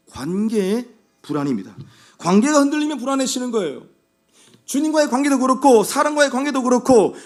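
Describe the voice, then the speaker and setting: A man preaching a Sunday sermon in a strikingly high voice. His pitch swings widely as he drives his points home with repeated phrases and rhetorical questions. The delivery is that of a senior pastor addressing his church. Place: church sanctuary.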